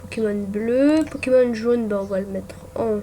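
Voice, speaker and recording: A young female gaming YouTuber records her screen and comments casually as she makes a ranking, her dark-toned voice slightly high and her pace normal. She often hesitates, using fillers and starting over, with faint background noise and keyboard typing audible.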